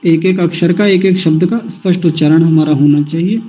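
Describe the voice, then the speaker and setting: A man teaching Sanskrit verse pronunciation in an online class, slowly drilling each syllable and having students repeat after him. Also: a little high, dark tone, lo-fi sound, faint music behind. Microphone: video call.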